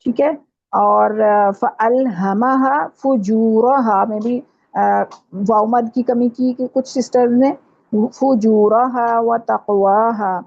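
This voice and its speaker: A woman teaching Quran recitation in an online class, explaining patiently and repeating sounds slowly to demonstrate. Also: on the high side, fairly even intonation, vocal fry, a little mellow, no echo. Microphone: video call. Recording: dull lo-fi call audio.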